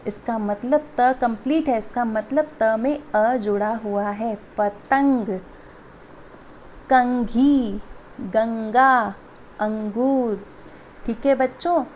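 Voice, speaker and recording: Slow, patient woman teaching children. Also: on the high side, a little mellow, a little hiss or hum. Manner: patient, repeats and asks children if they understood. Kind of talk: classroom Hindi lesson.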